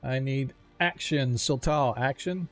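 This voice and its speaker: A man running a tabletop fantasy game as game master, improvising descriptive narration in a halting way. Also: mid-range voice, faint music behind.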